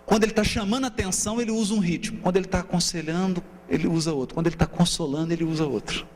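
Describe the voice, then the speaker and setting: A man's voice: sits high, rapid-fire. A man with a Brazilian Portuguese accent giving a seminar lecture, asking rhetorical questions and counting out rhythms. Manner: animated, asks rhetorical questions, often adds "né?". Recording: reverberant hall, faint hum.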